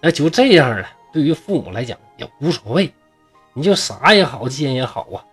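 Husky Northeastern Mandarin storyteller. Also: male voice, medium pitch, big pitch swings, brisk, faint music behind. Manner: chatty asides to listeners. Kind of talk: humorous folk-tale storytelling.

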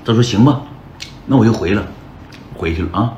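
A man's voice: fairly low pitch, a little fast, vocal fry, dull audio, background noise. A man with a Northeastern Mandarin accent telling his own story on a livestream. He talks in a chatty way and keeps calling out to the viewers as brothers. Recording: roomy echo with loud background music.

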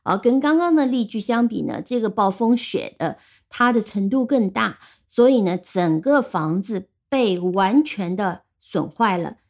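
A woman teaching English vocabulary on a podcast, explaining in Chinese and reading English example sentences slowly, spelling words out letter by letter. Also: mid-range voice, animated, a little mellow.

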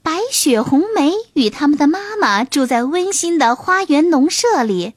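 A woman's voice: high-pitched, animated, normal speed, no echo. A woman storyteller reading a scripted fairy tale for children. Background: faint music.

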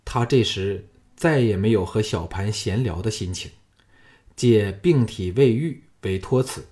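Man, audiobook narrator, low voice, steady storytelling, martial fantasy novel. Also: measured pace.

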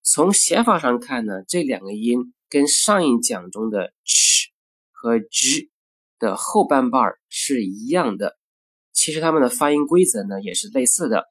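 A man's voice: medium pitch, big pitch swings, measured pace, a bit bright, husky, no room sound. A man teaching English pronunciation, speaking carefully and saying each word twice as a model. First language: Chinese. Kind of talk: recorded phonetics lesson.

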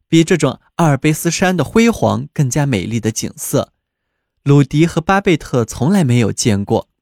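A man narrates a fairy tale in an expressive storybook manner. His voice sits a little high, and his pitch rises and falls a great deal. The recording is dry and close, with no room sound. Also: no echo.

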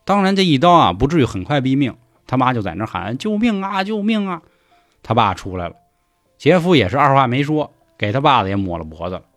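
A man's voice: medium pitch, sing-song, fast, dry recording, clean studio sound, soft background music. A man with a Beijing Mandarin accent telling an urban legend in a chatty, colloquial podcast style. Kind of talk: podcast storytelling.

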